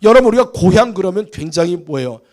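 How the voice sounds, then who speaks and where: A middle-aged male pastor preaching a Sunday sermon, animated and storytelling, lightening it with humorous anecdotes. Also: high-pitched, quick pace. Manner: animated storytelling, mimics voices in jokes. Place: church sanctuary.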